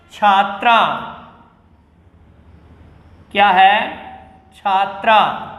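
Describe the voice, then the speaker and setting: Slow high-voiced man teaching in an echoey room. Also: pushed and bright. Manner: slow, repeats each word for pupils. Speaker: Sanskrit teacher. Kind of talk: classroom lesson for children. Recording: echoey room with long reverb.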